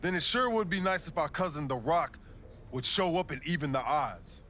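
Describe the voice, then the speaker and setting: A man voices a fiery pro wrestler rallying his allies in a video game cutscene styled like a wrestling promo, with casual confidence. His slightly high, fairly bright, animated voice moves at a moderate pace, firing slangy, punchy, emphatic lines in short bursts over slight background noise.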